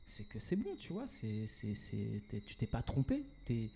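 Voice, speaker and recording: A man being interviewed about his work as an entrepreneur and event organizer, talking casually with many pauses and restarts and slipping in English words. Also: on the low side, huge pitch swings, vocal fry, dark tone, a little hiss or hum.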